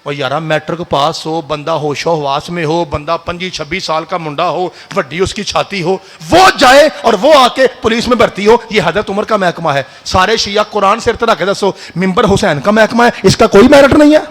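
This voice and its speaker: A man preaching a sermon, fiery and addressing the crowd directly, rising to shouts. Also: high-pitched, hardly any pauses. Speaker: preacher at a religious gathering. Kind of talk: sermon with call-and-response. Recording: long hall reverb.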